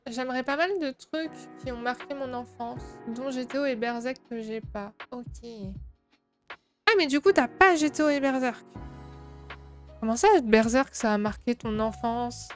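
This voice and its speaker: Chatty high-voiced woman streamer. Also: a little slow, faint music behind. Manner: chatty, laughs often, answers chat aloud. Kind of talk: casual chat while crafting. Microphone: streaming microphone.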